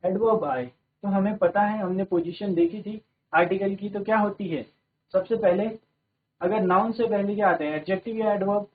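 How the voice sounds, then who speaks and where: A male English teacher, giving a classroom grammar lesson in a steady manner and often checking that everyone follows. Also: sits high. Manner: steady, repeats "ठीक है" to check understanding. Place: broadcast studio classroom. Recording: tinny phone-like audio.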